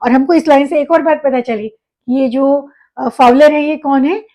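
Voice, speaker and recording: A woman teacher, reading a story aloud slowly and then explaining it quickly in a relaxed, talky way. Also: sits high, rough recording. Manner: reads English lines slowly, then explains quickly in Hindi. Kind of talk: explaining a textbook story line by line.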